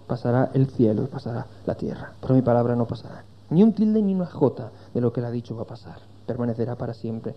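An earnest man preaches to his congregation, his mid-pitched voice dropping low for scripture and climbing to emphatic peaks. The recording is slightly dull and lo-fi. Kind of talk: sermon.

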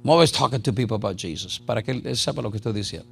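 A middle-aged man preaching an animated sermon full of jokes and anecdotes. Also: medium pitch, quick pace, vocal fry, breathy edge. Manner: animated, jokey, shouts and laughs at times.

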